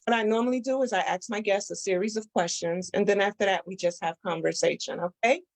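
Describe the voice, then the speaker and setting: A woman's voice: medium pitch, fast, vocal fry. Chatty woman host with a New York accent. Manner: friendly, chatty, laughs easily. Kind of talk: casual interview chat.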